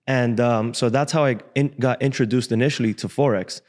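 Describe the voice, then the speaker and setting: Young Cuban-born guy from Miami, casual and frank, slangy, studio boom mic. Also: steady tone, a little fast, a little mellow. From Cuba, raised in Miami. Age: 20s. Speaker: guest trader. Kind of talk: casual interview storytelling. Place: podcast studio, indoors. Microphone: desk boom mic.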